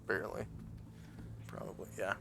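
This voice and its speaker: A man improvising narration as a tabletop game master, explaining things haltingly as he thinks aloud. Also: sharp tone, faint music behind.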